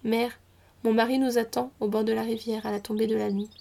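Give me a woman playing a soft-spoken loving young wife, slightly high and steady. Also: fairly quick, vocal fry. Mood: soothing. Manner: soothing, tender. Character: young wife of a river lord, loving and gentle.

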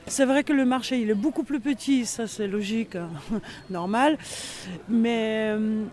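Speaking in a very high yet darkish-toned voice, a villager takes his time answering a local radio street interviewer about village life. His talk is relaxed and hesitant, peppered with fillers.

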